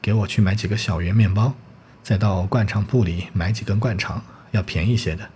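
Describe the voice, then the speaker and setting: A grim, curt young student, impoverished and irritable , as a male reader gives him his lines. The low voice is hardly changed from the narration, with a faint room hum behind it. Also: steady tone, fairly quick, warm tone, natural voice. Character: poor, brooding young man student, irritable.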